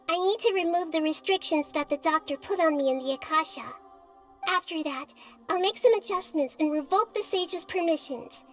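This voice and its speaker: Nahida, soft wise girl goddess. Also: very high-pitched. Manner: soft, thoughtful, measured. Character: young girl goddess, gentle, wise and calm.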